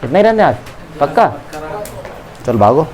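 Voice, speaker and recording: A man's voice: a little high, big pitch swings, measured pace, darkish tone. A man with an Indian accent teaching a maths class, chatty and teasing, who keeps checking that his students follow. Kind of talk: classroom lesson explaining geometry.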